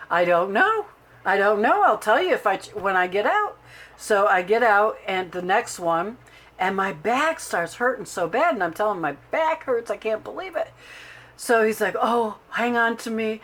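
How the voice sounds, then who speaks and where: A middle-aged woman hosting a casual crafting vlog, chatting and telling an animated story as she shows her journals. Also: lowish voice. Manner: animated storyteller who acts out quotes. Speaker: craft video host.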